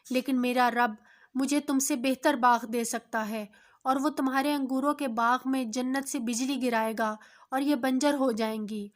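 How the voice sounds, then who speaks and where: A woman's voice: sits high, close to an everyday voice. A woman voicing a poor, pious farmer who earnestly admonishes his friend in a storybook tale, in her own voice.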